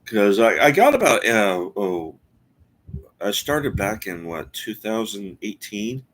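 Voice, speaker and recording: A man in his forties talks casually to a live-stream audience in a lowish voice. He rambles and stops often, filling gaps with "uh" and "um" and restarting his sentences as he thinks out loud. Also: big pitch swings, a little hiss or hum. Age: 40s. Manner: rambling, halting with many fillers and restarts. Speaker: streamer host.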